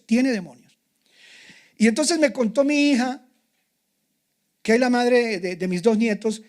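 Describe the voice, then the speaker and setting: Older male pastor, high voice, emphatic confessional sermon. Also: a little mellow.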